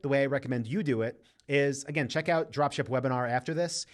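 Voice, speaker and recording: A man hosting a live stream, reading viewer questions aloud and answering them in a relaxed, conversational way. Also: medium pitch.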